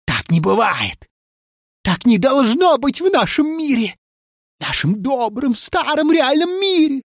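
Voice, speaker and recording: A high, lively three-headed dragon, as a storybook reader puts him on, boastful and easily offended. He huffs and protests in a bright, raised voice with big swings, recorded dry and close. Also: unhurried, no room sound, heavily acted. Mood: indignant. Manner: indignant, huffy.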